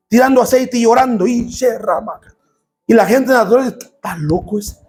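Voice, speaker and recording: High-pitched pastor preaching. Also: male voice. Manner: preaching with call-and-response and shouted emphasis. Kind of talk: sermon.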